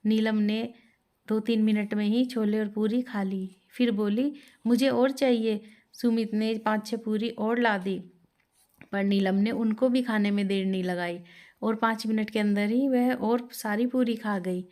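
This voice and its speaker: A woman narrating a moral story in a steady, plain storytelling manner. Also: mid-range voice, unhurried.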